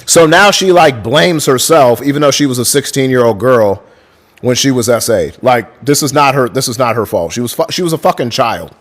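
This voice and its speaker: A man's voice: mid-range voice, lively intonation, normal speed, fairly bright tone. A man hosting a livestream, reading book passages aloud and breaking off to thank chat viewers, swearing freely in a casual way. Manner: profane, chatty, thanks viewers mid-reading. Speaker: livestream host.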